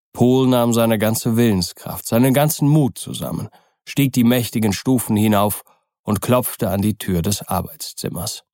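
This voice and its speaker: A man's voice: on the low side, a little mellow, no room sound. Man narrating an audiobook, dry sound. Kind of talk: scripted narration.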